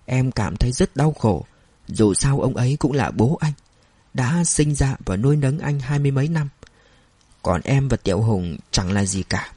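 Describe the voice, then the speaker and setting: An anxious young mother, as a male narrator puts her on, pleading in a soft, lifted voice. The tone stays dark and husky underneath, read close and dry like a storybook. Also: mid-range voice, animated, moderate pace, dry recording. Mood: sad. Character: young woman, anxious, self-blaming mother.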